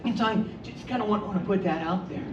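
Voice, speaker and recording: A young man from Ohio doing a stand-up set in a brewery, halting and self-deprecating, stumbling over his words and restarting often. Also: high voice, noisy background. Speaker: stand-up comedian. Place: brewery room with live audience. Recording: echoey, distant, slightly dull live-room recording.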